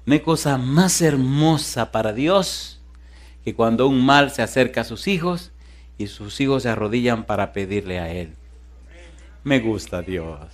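A man preaching from the pulpit as pastor. He swings between booming questions to the congregation and soft, hushed storytelling in a church sanctuary. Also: unhurried. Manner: animated preaching, shifts from loud calls to hushed storytelling. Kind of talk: sermon.

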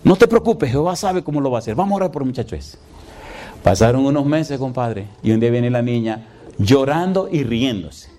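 A man's voice: medium pitch, lively intonation, fairly quick, dark tone. A middle-aged man, a pastor delivering an emphatic sermon. He asks the congregation rhetorical questions and acts out the dialogue of his story.

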